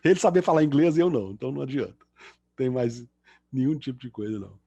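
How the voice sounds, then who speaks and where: Speaking fast in a medium-pitched, expressive voice that's gravelly and mellow with a breathy edge, a middle-aged Mineiro man from Belo Horizonte jokes around as a guest engineer after an online lecture over a video call. He's chatty and self-mocking, using many fillers, and there's no echo.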